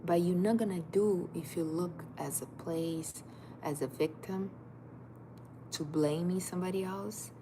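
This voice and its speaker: A life coach in her thirties whose first language is Portuguese gives a motivational livestream talk, urging listeners directly and repetitively with "you." Her voice is fairly low with fairly even intonation and an unhurried pace. There's noise in the background.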